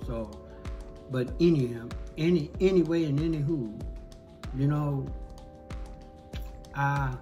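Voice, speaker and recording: A middle-aged man with a slightly high voice talks casually, like a host at his table. He gives heartfelt advice emphatically, repeating his points in a preachy storytelling way. Music plays behind him. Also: slow pace, long pauses, mellow, highs cut off. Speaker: mukbang host. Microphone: desk microphone close in front.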